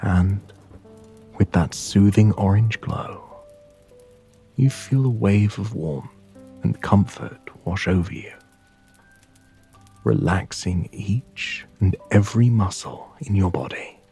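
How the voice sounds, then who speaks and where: A man narrating a sleep story in a hushed, soothing, breathy voice that often slips into a whisper, guiding the listener to relax. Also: lowish voice, lively intonation, slow pace, pauses often, faint music behind. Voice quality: breathy, husky.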